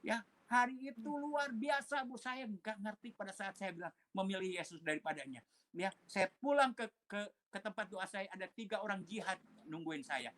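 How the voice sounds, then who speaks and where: A man's voice: sits high, normal speed, a bit bright, a little hiss or hum. A man who is a pastor, giving an emotional personal testimony, telling his story animatedly, acting out the voices of others, and dropping in English phrases.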